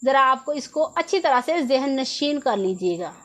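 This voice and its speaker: A woman teaches a Quran reading lesson step by step, patiently repeating each rule and posing questions before answering them herself. Her voice is high-pitched, expressive and fairly bright, at a normal speed.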